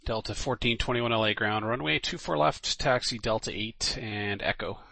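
A man's voice: lowish voice, moderate pace, creaky, bright, forceful tone, dry recording. A man working as an air traffic controller, giving clipped, official radio instructions.

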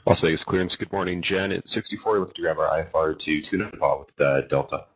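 A man's voice: deep voice, fast talker, a bit bright, husky. A man speaking as a pilot, making requests and readbacks in radio phraseology. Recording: dull lo-fi radio audio.

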